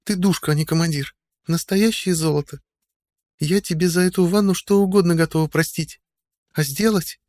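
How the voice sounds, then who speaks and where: A man's voice: moderate pace, a little mellow, no echo, studio quality, lightly acted. Man voicing a drawling, teasing young woman. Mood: languid. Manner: high put-on voice, drawling and teasing. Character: sharp-tongued young woman, grumbling then languid.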